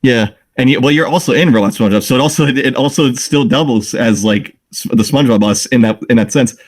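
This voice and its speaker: A man's voice: medium pitch, fairly quick, darkish tone. A man co-hosting a casual gaming podcast, joking and teasing the others. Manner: playful, teasing banter. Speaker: podcast co-host.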